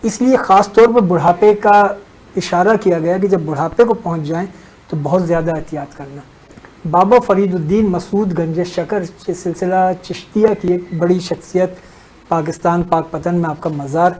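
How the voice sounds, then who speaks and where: A man as a religious scholar on a talk show, explaining a teaching in a measured way and unfolding a story with pauses. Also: high-pitched, darkish tone, low-quality recording.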